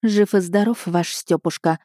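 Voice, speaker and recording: A stern, composed widow necromancer who speaks in curt, calm commands, as a woman reader voices her. The voice is low and mellow, dry and close in a storybook telling. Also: moderate pace, no room sound, close to an everyday voice.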